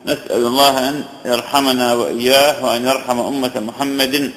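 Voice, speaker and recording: A man giving a religious lesson, reciting long lists of scholars' names and slowing down to stress key points. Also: medium pitch, level tone, a bit bright, reverberant, rough recording. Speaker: hadith teacher. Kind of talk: religious lesson on hadith narrators.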